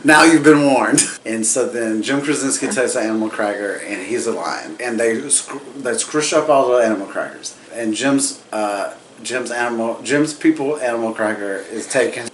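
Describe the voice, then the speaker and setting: A man's voice: mid-range voice, fairly bright tone. A man giving a casual, comedic movie recap in a tipsy, rambling, stumbling way, profane and mock-exasperated. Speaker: host of a comedic drunk movie review show. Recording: echoey room with faint background noise.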